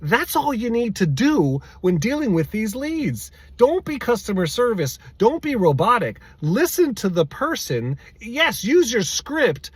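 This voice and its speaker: A man working as a sales coach, telling an exasperated story as advice, emphatic and quick to repeat his key words. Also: extremely high pitch, sing-song, husky, dry recording.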